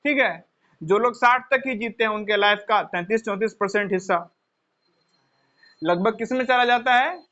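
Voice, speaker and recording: A man with a strikingly high voice lectures students in an earnest, explanatory way. He keeps asking his listeners questions, then supplies the answers himself, and calls them children. The recording sounds muffled and lo-fi. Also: pushed and bright. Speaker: teacher. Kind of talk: motivational classroom lecture. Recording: dull lo-fi recording.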